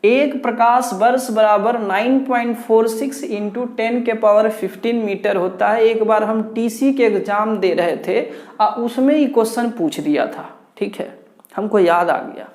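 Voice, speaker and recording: Slow, drilling woman teacher in echoey room. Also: a little high, darkish tone. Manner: repeats key points and drills students with rhetorical questions. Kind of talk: online exam-prep lecture.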